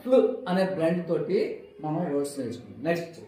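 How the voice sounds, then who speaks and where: A man's voice: fairly high pitch, very animated, fast, warm tone, a little hiss or hum. A man teaching a phonics lesson in a classroom style, who asks questions and then answers them himself, drilling the words over and over. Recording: very echoey room.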